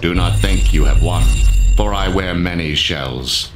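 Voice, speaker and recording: Deep robotic machine overlord. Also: male voice. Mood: menacing. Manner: cold, grandiose, slow proclamations. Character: menacing male alien machine overlord. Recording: roomy game audio over loud music.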